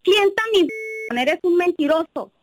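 A woman calls into a radio show with a high voice. She scolds and accuses her husband in a furious, unbroken stream. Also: unhurried, a little hiss or hum. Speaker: caller, angry wife. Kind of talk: phone call on radio.

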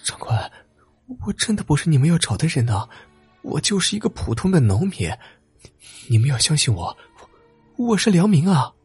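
A male storyteller becomes a timid young farm boy, his voice jumping high as he sobs and pleads. The tone is husky and breathy, rising and falling wildly. Faint music sits underneath. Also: very animated, normal speed, long pauses, darkish tone, no echo, full character voice. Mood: pleading, tearful. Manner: high, tearful begging.

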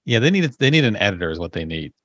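A man's voice: lowish voice, very animated, very fast, a bit bright, no echo. An easygoing man reading out items and commenting in casual podcast chat.

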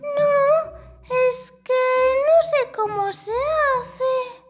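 A woman's voice: extremely high pitch, very slow, loud music behind the voice, pitched above the performer's own voice, heavily acted. A woman voicing a timid, hesitant, childlike little girl in a storybook fairy tale. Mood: timid, stalling.

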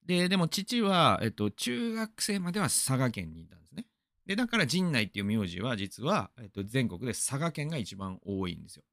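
A man's voice: medium pitch, very animated, brisk, fairly bright tone, no echo, clean studio sound. A man from Aichi in Japan hosting a radio show, rambling through a casual monologue full of fillers and asides.

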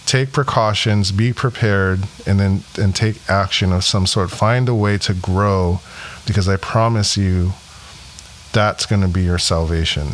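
A man's voice: low-pitched, fairly even intonation, unhurried, a little hiss or hum. A man hosting a casual podcast, talking in an earnest, reflective way with some joking. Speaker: podcast host.

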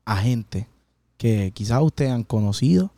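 A man co-hosting a podcast in casual chat, with a lively, joking delivery. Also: medium pitch, a little slow, dry recording, clean studio sound. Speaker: podcast co-host.

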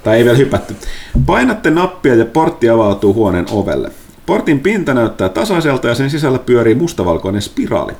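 A man from Finland who runs a tabletop game as game master, narrating the scenes with animated storytelling. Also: medium pitch, gravelly.

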